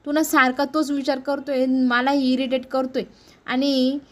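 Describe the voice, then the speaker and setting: Cranky sleepy young wife, snappy and fed up, kinda high voice, as a lady reads her lines. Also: little pitch movement, a little slow. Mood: irritated. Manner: snappish, exasperated, pleading for sleep.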